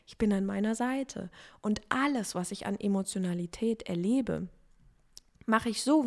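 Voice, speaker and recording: A woman's voice: medium pitch, creaky, a little mellow. A woman in her thirties hosting a self-help podcast, talking reflectively and speaking straight to the listener. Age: 30s. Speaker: podcast host.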